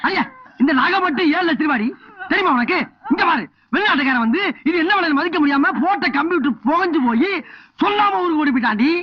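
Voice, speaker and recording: A man's voice: extremely high pitch, expressive, fast. A blustering village headman. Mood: bickering. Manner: quarrelsome, repeats himself. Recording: dull film soundtrack.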